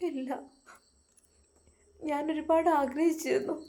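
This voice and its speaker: A tearful young wife pleads hesitantly in a soft, quiet voice, as a woman puts her on. The voice is pitched higher than the performer's own and a little hushed, with a Malappuram Malayalam accent. It is a storytelling performance. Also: steady tone, slow. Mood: hurt. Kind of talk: storytelling voice acting.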